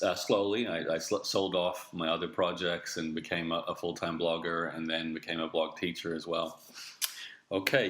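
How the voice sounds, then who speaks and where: A man in his thirties, from Australia, plainly explaining his online business while recording answers without his usual microphone, so the stream sounds low in quality. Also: a bit bright, reverberant. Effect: low quality stream audio without his usual microphone. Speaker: online entrepreneur answering interview questions. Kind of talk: solo recorded answers to written interview questions. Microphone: makeshift microphone in place of his usual one.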